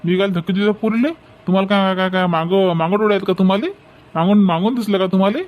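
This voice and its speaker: A man's voice: high-pitched, fairly even intonation, fast, a little mellow, lightly acted. A man voicing a cheeky young male student troublemaker with a Varhadi Marathi accent, brash and argumentative. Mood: defiant. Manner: defiant, whining when caught.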